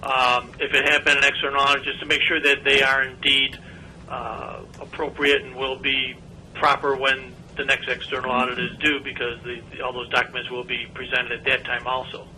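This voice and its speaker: A man heard over a speakerphone, answering committee questions in a measured, explanatory way with frequent "uh" fillers. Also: mid-range voice, monotone, bright, forceful tone, a little hiss or hum, poor audio. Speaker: lab representative calling in.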